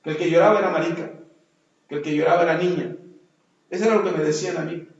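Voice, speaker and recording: A man preaching a sermon as a pastor, swinging from loud emphasis down to soft, low lines. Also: fairly even intonation, quick pace. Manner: emphatic preaching, rising loud on key words then dropping low and soft. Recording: echoey, dull lo-fi sound.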